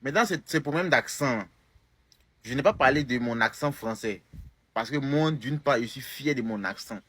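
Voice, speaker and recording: A man's voice: medium pitch, normal speed, fairly bright tone, husky. A young man with an Ivorian French accent, answering a comment in a casual video. He talks with emphasis and often repeats or restarts phrases. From Côte d'Ivoire. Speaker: content creator.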